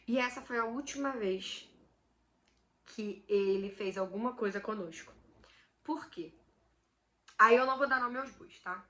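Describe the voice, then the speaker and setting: A woman hosting a vlog, telling a supernatural story in an animated way, dropping to a hush and then bursting out loud. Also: a little high, unhurried, pauses often. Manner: animated, swings between hushed and loud outbursts. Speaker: channel host.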